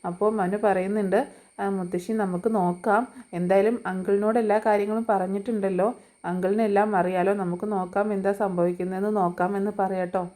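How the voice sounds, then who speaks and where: A woman's voice: medium pitch, steady tone, brisk, dark tone. A woman casually retelling a TV serial episode in a chatty, conversational way, with frequent fillers. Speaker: TV serial recap narrator.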